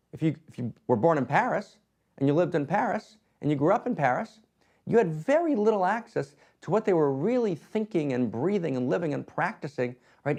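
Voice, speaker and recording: A man's voice: fairly high pitch, a little mellow. A man giving a spiritual teaching talk, emphatic, often tagging his points with rhetorical questions. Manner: emphatic, frequent rhetorical "right?".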